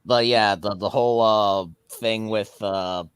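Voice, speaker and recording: A man guest on a casual online podcast who explains things in a careful, measured way. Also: on the low side, fairly even intonation, smooth.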